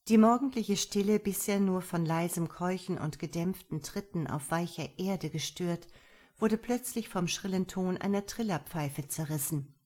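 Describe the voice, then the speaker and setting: A woman with a lowish voice reads a crime story aloud as a podcast host. Her storytelling is lively and dramatic, with clear, steady diction. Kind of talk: audiobook reading of a crime story.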